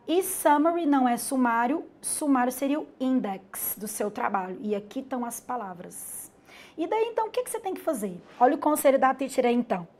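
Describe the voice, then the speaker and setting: A woman's voice: on the high side, a little mellow. A woman with a Brazilian accent, an English teacher giving a live webinar lesson in a chatty way, calling herself "the teacher" and often tagging "né?" onto her points. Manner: chatty, calls herself "the teacher", frequent "né?" tags.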